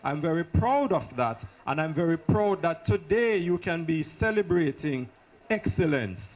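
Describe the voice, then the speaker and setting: A man's voice: a little high, animated, measured pace, darkish tone, dull audio. A man with a Jamaican accent giving an impassioned speech at a school awards ceremony, repeating himself for emphasis and talking off the cuff. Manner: repetitive, emphatic, speaks off the cuff. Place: school hall. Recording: echoey hall recording.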